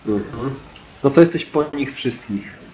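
A man's voice: mid-range voice, lively intonation, slow, warm tone, slight background noise, low-quality recording. A man acting as game master, steadily explaining dice rules and turn order to the players. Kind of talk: running a tabletop game.

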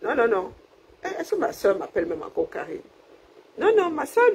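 A woman's voice: on the high side, wildly swooping pitch, normal speed, slightly rough, low-quality recording. Chatty woman hosting a livestream. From Cameroon. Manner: chatty, laughs often, thanks viewers warmly. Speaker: livestream host. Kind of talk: casual live chat with viewers.

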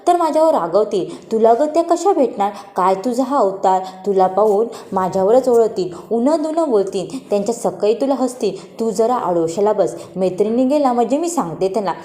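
A woman doing a high, anxious palace maid. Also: expressive, moderate pace, few pauses, dark tone, echoey room, natural voice.

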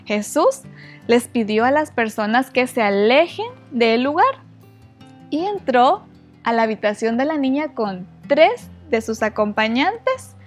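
A woman telling a Bible story to children, expressive and gentle, speaking directly to her young listeners. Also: a little high, measured pace, faint music behind.

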